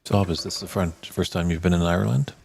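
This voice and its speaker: A man commentating on a snooker match in a measured, analytical way and interviewing his co-commentator. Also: deep voice, steady tone, gravelly, darkish tone, breathy edge.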